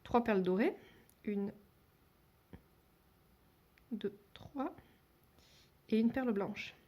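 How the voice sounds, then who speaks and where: A woman's voice: medium pitch, moderate pace, warm tone. A woman giving a step-by-step beading tutorial, talking hesitantly with many fillers and restarts, and dropping to a near whisper while she counts beads. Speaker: beading instructor.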